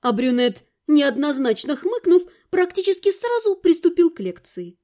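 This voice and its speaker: A woman narrates a first-person audiobook with irony and a colloquial storytelling flair. Her voice sits high and sing-song with a dark tone, moving at a normal speed.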